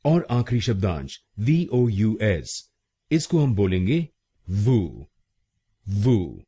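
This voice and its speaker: A man's voice: lowish voice, sing-song, slow, dark tone, husky. A man teaching pronunciation in a scripted lesson, spelling out letters and repeating each syllable.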